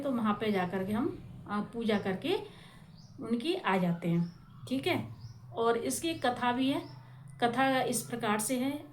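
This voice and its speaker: A woman's voice: on the high side, echoey room, slight background noise. A woman explaining festival rituals in a casual, explanatory way, often checking in with her listeners.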